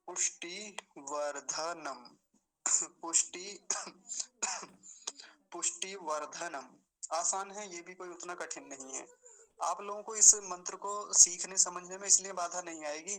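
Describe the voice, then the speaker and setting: A man teaching the pronunciation of a chant. He slows down to spell out each syllable, repeats words to correct them, and coughs now and then. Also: high-pitched, sharp tone, low-quality recording. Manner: slow, drawn-out syllable-by-syllable demonstration of words. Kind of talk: explanatory lesson.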